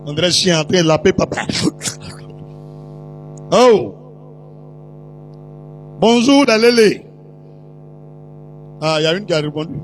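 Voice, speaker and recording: A man's voice: fairly high pitch, fairly even intonation, rapid-fire, few pauses, a bit bright, faint music behind, poor audio. A man with an Ivorian French accent preaching a sermon, chatty and teasing as he talks straight to the congregation. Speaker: prophet preaching. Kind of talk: sermon storytelling.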